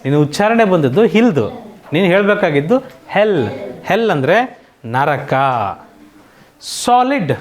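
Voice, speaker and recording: A woman with a Kannada accent teaches an online coaching class in a lowish voice. She drills English words one by one, asking the class and supplying each answer herself. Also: lively intonation, a little slow, darkish tone.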